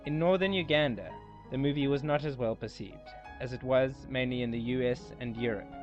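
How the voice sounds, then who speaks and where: Calm male documentary narrator, lo-fi. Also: mid-range voice, fairly quick. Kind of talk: documentary voice-over. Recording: dull lo-fi voice-over with faint music.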